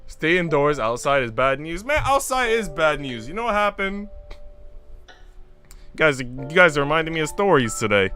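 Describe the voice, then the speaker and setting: A man with a fairly high voice streams a visual novel at a moderate pace, trading casual slangy chat with viewers for reading the story aloud. His asides come out as animated, slangy storytelling, with soft music in the background.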